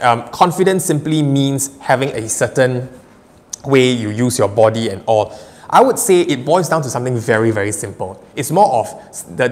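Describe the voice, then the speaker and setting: A man, coaching public speaking in a live Q and A. He talks in an energetic, emphatic way at a medium pitch and laughs now and then. His voice rings with a long hall reverb. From Singapore. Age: 30s.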